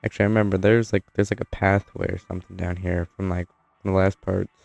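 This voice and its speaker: Playing a truck-driving game, a young gameplay streamer from the United States talks fast in a low, creaky, darkish voice with little pitch movement. It's casual, rambling let's-play talk peppered with dry asides and self-corrections, captured with lo-fi sound.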